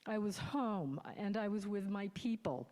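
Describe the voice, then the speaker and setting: A woman's voice: mid-range voice, animated, a little slow, dark tone. A woman around sixty, sharing her own recovery story in a sermon in a candid, reflective and wry way. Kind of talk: personal testimony in a sermon. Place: church sanctuary. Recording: long hall reverb.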